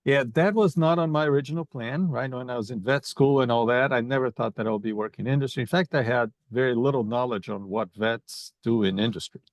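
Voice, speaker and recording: A man's voice: mid-range voice, fairly quick, few pauses, dry recording. A man in his fifties from Brazil, a veterinarian guest in a podcast interview, speaking conversationally and repeating words as he thinks.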